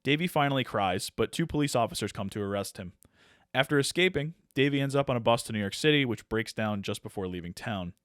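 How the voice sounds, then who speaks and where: A man co-hosts a podcast and works through a film's plot summary in an easy, conversational way, breaking off for jokey asides. His pitch sits in a middle range, and the recording is dry and close, with hardly any room sound. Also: animated, fast talker, fairly bright tone, clear, resonant tone, dry recording. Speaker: podcast co-host. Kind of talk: casual chat, reading a plot summary.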